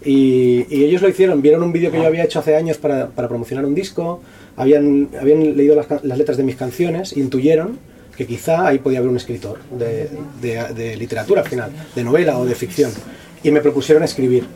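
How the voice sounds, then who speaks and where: Fast-talking man, heard from afar. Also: mid-range voice, mellow. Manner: fast, slangy and profane, with many restarts. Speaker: author presenting his book. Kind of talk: casual talk at a book presentation. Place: bookshop event space. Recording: distant voice with faint room noise.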